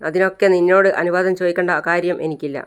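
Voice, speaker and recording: The narrator voicing a scheming man who taunts and threatens, in a clear voice. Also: high-pitched, steady tone, fast talker, fairly bright tone.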